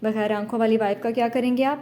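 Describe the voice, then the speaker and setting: A woman voicing a playful, chirpy young wife in an audiobook romance, quick and teasing. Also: a little high, fairly even intonation, warm tone, close to an everyday voice.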